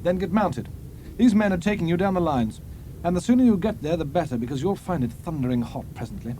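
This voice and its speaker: A man voicing a brisk young British officer. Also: a little high, animated, mellow, slight background noise, voice pushed up, close to an everyday voice. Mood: stern. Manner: curt, commanding questioning.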